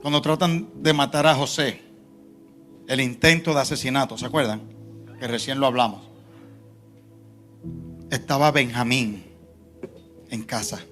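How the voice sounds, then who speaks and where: A male pastor preaching a sermon in a church, shifting between soft low asides and loud emphatic lines. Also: unhurried, pauses often, soft background music. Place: church sanctuary.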